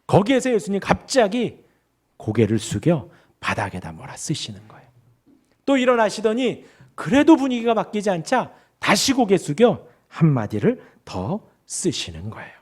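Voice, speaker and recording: A man's voice: sits high, moderate pace, husky. A male pastor preaching an expository sermon in a church, asking his congregation questions and leading them in reading aloud. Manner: animated, asks the congregation rhetorical questions. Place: church sanctuary.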